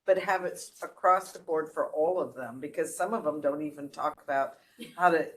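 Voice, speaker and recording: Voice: medium pitch, normal speed, a bit bright, a little hiss or hum, low-quality recording. A participant in a board meeting, talking conversationally and rambling with trailing asides. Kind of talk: meeting discussion.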